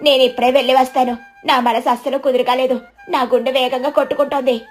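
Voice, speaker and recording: A woman's voice: high voice, flat delivery, fast, faint music behind, natural voice. A woman voicing an anxious, caring young village wife who speaks in an urgent rush, in a storybook. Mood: worried. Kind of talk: storybook narration.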